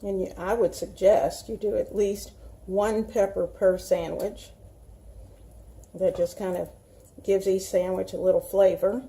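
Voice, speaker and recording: A woman's voice: mid-range voice, fairly even intonation, measured pace, creaky, mellow. A woman with a Southern US accent, chatting in a folksy way to viewers as she hosts a casual home cooking demonstration. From Southern United States. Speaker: home cooking show host.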